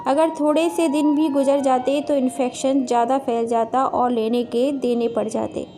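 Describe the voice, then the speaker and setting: A woman voicing a polite young daughter-in-law in a storybook tale, talking gently and respectfully. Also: high-pitched, fairly even intonation, moderate pace, faint music behind, natural voice. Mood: reassuring.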